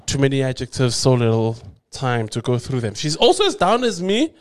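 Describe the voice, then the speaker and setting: A man's voice: medium pitch, big pitch swings, moderate pace. A man in his thirties with a nasal voice, hosting a podcast in a playful, rambling way full of restarts. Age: 30s. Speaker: podcast host. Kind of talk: casual podcast chat.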